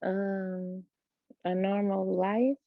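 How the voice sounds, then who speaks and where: A woman from Chicago, a loctician, talking in a relaxed, reflective and slightly hesitant way as an interview guest. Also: medium pitch, drawn-out words, vocal fry, dry recording, phone-quality sound. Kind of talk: casual interview.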